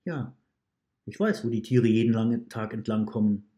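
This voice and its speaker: Storybook role: caged wolf, gruff and weary, turns remorseful, read by a man with a low mellow voice. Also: moderate pace, close to an everyday voice. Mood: matter-of-fact.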